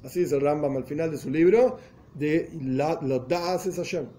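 A man's voice: a little high, normal speed, mellow. A man teaching a religious text, explaining step by step and often rephrasing himself as he goes. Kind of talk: explanatory lesson in Spanish with Hebrew and Yiddish terms.

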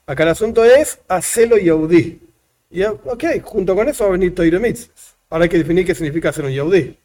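A man's voice: high voice, animated, brisk, a little mellow. A man teaching a religious lesson, reading lines aloud and then explaining each one with examples. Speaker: rabbi teaching a text.

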